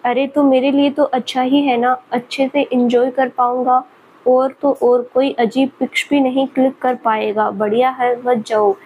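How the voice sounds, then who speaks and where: Woman voicing a young male professor, teasing, mischievous, light higher voice, storybook reading. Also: little pitch movement, moderate pace, lo-fi sound, a little hiss or hum, natural voice. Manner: teasing, laughing at her.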